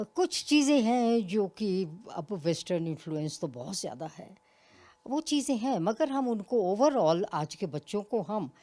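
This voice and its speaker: An older woman, a retired college principal, speaks reflectively as an interview guest and explains her points with small examples. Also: mid-range voice. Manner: reflective, explains with examples, occasional soft laughs. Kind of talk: interview conversation.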